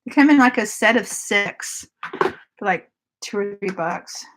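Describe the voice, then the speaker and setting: A woman's voice: mid-range voice, expressive, unhurried, a bit bright, low-quality recording. A woman, chatting casually with viewers during a craft live stream and often laughing. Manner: chatty, giggly, talks to viewers by name.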